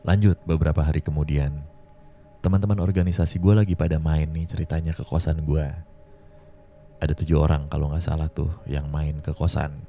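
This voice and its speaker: Very deep-voiced man telling a horror story. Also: level tone, warm tone, a little hiss or hum. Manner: slangy, conversational, slows down for suspense. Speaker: podcast host reading a listener's story. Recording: clear music bed behind. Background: music.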